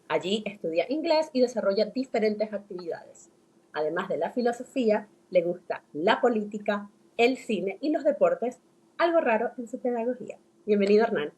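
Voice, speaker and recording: A woman co-hosting a philosophy podcast introduces a guest and explains ideas in an engaged way, sometimes stammering over repeated words as she builds a point. Her medium-pitched voice is a little mellow, and the recording is rough.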